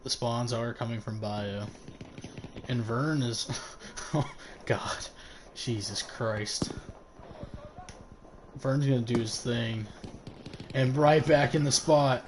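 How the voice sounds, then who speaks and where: A man's voice: medium pitch, fairly even intonation, slow, long pauses, background noise. A young man casting a live online match, laughing and exclaiming often, out of breath. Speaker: match caster. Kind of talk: excited live game commentary.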